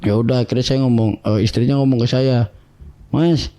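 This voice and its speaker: A man telling his life story to an interviewer in a casual, animated way, acting out the dialogue of the people in it. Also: mid-range voice, fast. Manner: animated, acts out quoted dialogue in other voices; keeps addressing the listener as "bang".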